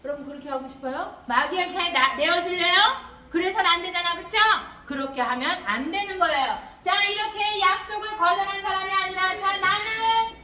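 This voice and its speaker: An older woman giving a lively children's sermon as a Sunday school teacher, acting out the children's lines as she goes. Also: very high voice, normal speed. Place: church hall. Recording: echoey church room, mic at a distance.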